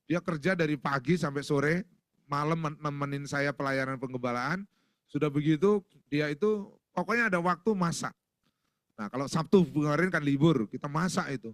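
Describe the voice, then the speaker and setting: Bright-voiced man preaching with folksy humor. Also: on the high side, normal speed, dry recording, studio quality. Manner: folksy, joking preaching with acted-out household quotes. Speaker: pastor. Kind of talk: sermon. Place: church.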